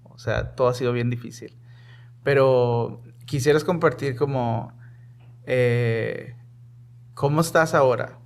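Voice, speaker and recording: Brief: male host, gravelly fry in the voice, gentle prompting questions. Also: mid-range voice, fairly even intonation, takes it slowly, pauses often. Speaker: podcast host. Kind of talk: conversational interview.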